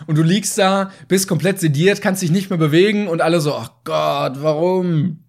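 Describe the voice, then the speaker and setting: A man's voice: high voice, a little fast. A man co-hosting a podcast, chatting casually with hesitant phrasing and dry, absurd joking. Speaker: podcast co-host. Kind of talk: casual comedic podcast chat.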